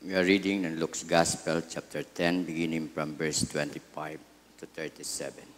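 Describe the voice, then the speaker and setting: A man, a priest at Mass, solemnly reading scripture in deliberate short phrases in a large church. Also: very deep voice, level tone. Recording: echoey hall with long reverb.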